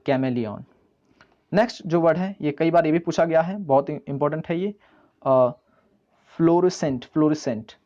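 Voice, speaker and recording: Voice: mid-range voice, warm tone. Indian teacher spelling words letter by letter. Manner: explains meanings in Hindi with frequent filler "uh". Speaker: English teacher. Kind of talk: online vocabulary lesson. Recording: dull lo-fi recording.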